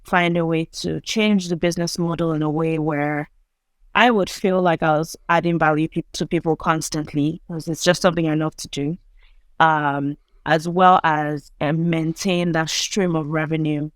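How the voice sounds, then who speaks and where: A woman from Nigeria, a guest on a video call, telling her story in a relaxed, chatty way. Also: deep voice, moderate pace, no echo, clean studio sound. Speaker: guest entrepreneur. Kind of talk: casual interview.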